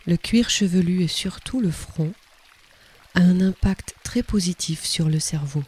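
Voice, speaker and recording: A man calmly guiding a relaxation exercise in a soft, breathy voice, leaving long pauses between short instructions. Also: high-pitched. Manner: calm, soothing, unhurried delivery with long pauses. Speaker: relaxation guide. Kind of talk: guided relaxation, scripted narration.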